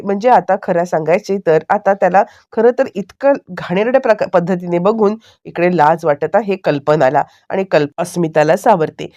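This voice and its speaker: A woman's voice: lowish voice, warm tone, dull audio. A woman narrating a TV serial recap casually, with fillers and self-corrections.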